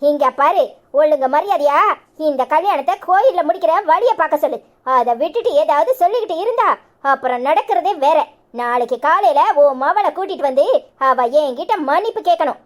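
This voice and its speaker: A woman's voice: high-pitched, lively intonation, brisk. A woman voicing a proud, scolding older village mother whose son is about to marry; she talks sharply and threatens. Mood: stern. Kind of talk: cartoon voice acting.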